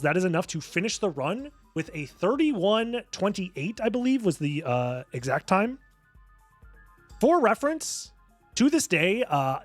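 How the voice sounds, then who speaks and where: A man's voice: fairly high pitch, dry recording. A man giving casual speedrunner commentary, explaining his play analytically, step by step. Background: music under the voice.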